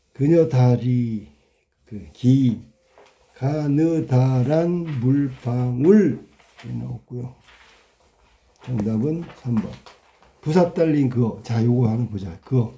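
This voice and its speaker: A male Korean language teacher talking casually through exam questions, sounding out words slowly and often repeating them, with many rhetorical questions. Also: mid-range voice, warm tone. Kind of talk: casual exam walkthrough lesson.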